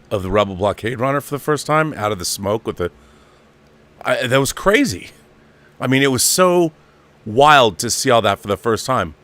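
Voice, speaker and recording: In his fifties, an online show host delivers an off-the-cuff fan monologue with a medium-pitched, fairly bright voice. He's casual but emphatic, repeating phrases to drive his points home.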